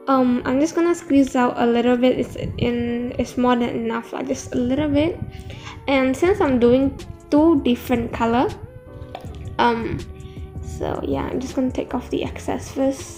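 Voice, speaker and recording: A woman narrating a casual craft tutorial in a halting, self-correcting way, her speech slightly affected by new braces. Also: sits high, darkish tone.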